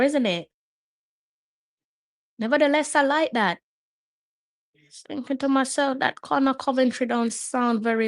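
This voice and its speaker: With a slightly high voice and no room sound at all, the host of a live match watch-along chats away, thinking out loud while she looks up information on players.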